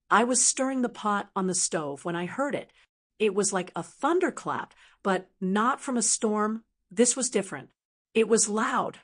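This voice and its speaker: A woman acts as a very old woman who survived a wartime bombing and lost her family. She tells her story in a mid-pitched voice, solemn and reflective. Her delivery is measured and full of sorrow, in the manner of a scripted dramatic monologue. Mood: wistful, solemn. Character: grieving 99-year-old woman, bereaved Nagasaki bombing survivor.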